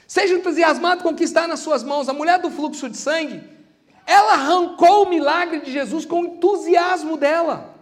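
High-voiced Brazilian preacher, animated. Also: male voice, fairly quick, big-room sound. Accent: Brazilian Portuguese. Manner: animated preaching that acts out Bible figures in their own voices. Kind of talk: sermon.

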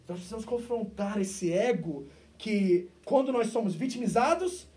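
A man with a Brazilian accent preaching a sermon as pastor, moving between loud, emphatic stretches and quiet, intimate asides. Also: high voice, expressive, normal speed, far from the mic. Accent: Brazilian Portuguese. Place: church service.

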